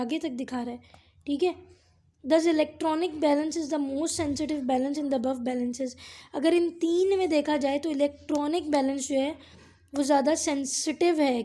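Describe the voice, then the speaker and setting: A woman's voice: high voice, dark tone. A woman teaching a physics lesson step by step, often checking in with her students. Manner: explains step by step, reads English textbook lines slowly.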